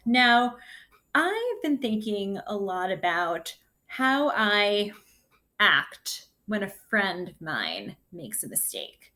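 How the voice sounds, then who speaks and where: During a children's read-aloud, a woman who teaches sixth grade works through a picture book in a medium-pitched voice. She reads with soft, deliberate expressiveness and adds commentary as she goes.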